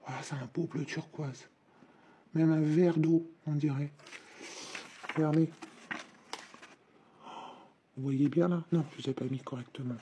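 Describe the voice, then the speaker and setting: A woman with a slight head cold talks chattily and informally to her viewers as she demonstrates new supplies. Her voice is low-toned and gravelly, with a mellow, dark colour. Faint noise sits behind her. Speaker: hobby vlogger. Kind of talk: casual unboxing and demo chat.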